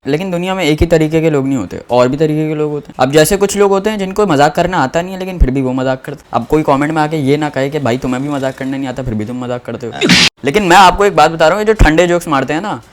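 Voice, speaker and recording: A man's voice: on the high side, fast, a little hiss or hum. A young man telling a comic story about himself in a rambling, self-mocking way with many restarts. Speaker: comedian.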